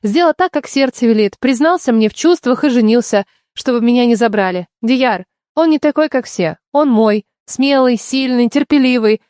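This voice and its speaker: A male audiobook reader voicing a quick-tongued, stubborn young bride who fires back defiant retorts. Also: very high-pitched, lively intonation, a little mellow, no room sound, clean studio sound, pitched above the performer's own voice. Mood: pleading.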